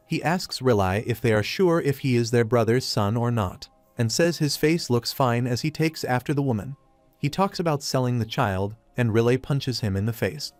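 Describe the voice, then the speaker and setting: A man narrating a comic recap in a steady, even storytelling voice. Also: medium pitch. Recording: faint music behind.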